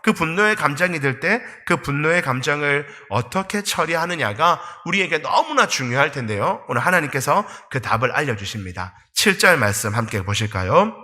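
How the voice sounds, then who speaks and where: A man's voice: a little high, big pitch swings, normal speed, few pauses, sharp tone. A male pastor preaching an evening church sermon with earnest emphasis, voicing prayers and God's words. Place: church sanctuary. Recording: long church hall reverb.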